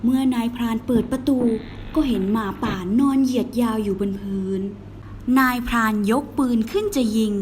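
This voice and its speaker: A woman's voice: on the high side, normal speed, darkish tone, slight background noise. A young woman student narrating a children's fairy tale steadily for a class assignment. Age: young adult.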